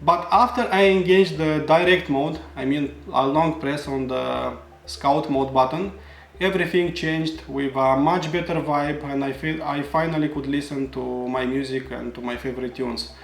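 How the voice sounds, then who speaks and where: A man's voice: on the high side, fairly even intonation, normal speed, gravelly. A man narrating a product review of audio gear, explaining features earnestly and giving his own opinions. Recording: roomy echo.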